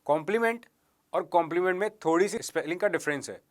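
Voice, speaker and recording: A man teaching an exam-prep English vocabulary lesson, mixing Hindi and English, explaining slowly and spelling words out letter by letter. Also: high voice. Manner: mixes Hindi and English, addresses viewers as guys and friends.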